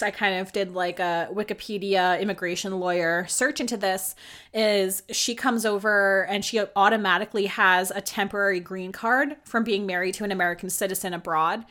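A young woman hosts a podcast on her own, recapping a reality show in casual, sarcastic chatter. Her mid-range voice has a sharp tone, and she's chatty, packing her talk with filler "likes" and swearing.

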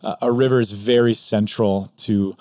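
A man's voice: on the low side, steady tone, normal speed, a little mellow, no echo, studio quality. A man, a pastor and podcast co-host, talking reflectively in casual chat with frequent restarts.

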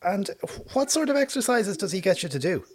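A man's voice: sits high, sing-song, brisk. A man hosting a podcast in a casual, conversational interviewing style. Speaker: podcast host.

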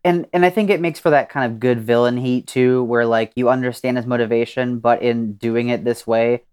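An excitable young man brainstorming on a podcast, rambling with lots of fillers and swearing. His voice is smooth and clear at an average pitch. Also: normal speed. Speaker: podcast co-host. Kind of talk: casual story brainstorming.

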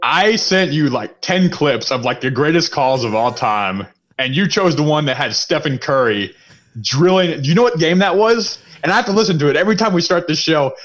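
A man's voice: fairly high pitch, expressive, moderate pace, fairly bright tone. A man hosting a casual basketball podcast, telling long rambling stories and laughing as he goes. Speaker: podcast host. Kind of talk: casual sports chat.

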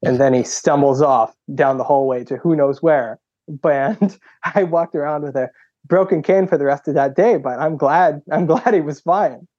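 Mellow young man telling lively stories. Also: normal speed, no room sound. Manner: lively storyteller who acts out quotes with a raised pitch. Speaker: guest. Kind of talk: animated storytelling in conversation. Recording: slightly dull lo-fi audio.

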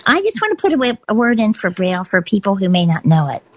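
A woman's voice: medium pitch, big pitch swings, fast talker, dry recording. A woman calling in to a radio show, speaking in an earnest, encouraging way. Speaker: caller. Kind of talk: call-in radio chat.

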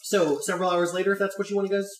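A man running a tabletop role-playing game, improvising narration in a halting, hedging way. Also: high-pitched, level tone. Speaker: game master. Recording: roomy, distant mic, faint noise.

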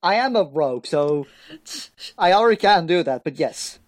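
Tabletop player, medium-pitched voice, casual game talk. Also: expressive, normal speed.

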